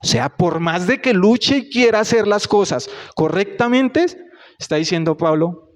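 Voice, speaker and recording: A young man preaches in a relaxed, talky way, often slipping into little quoted voices. His voice sits a bit higher than most men's. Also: a little slow. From Colombia. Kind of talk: sermon.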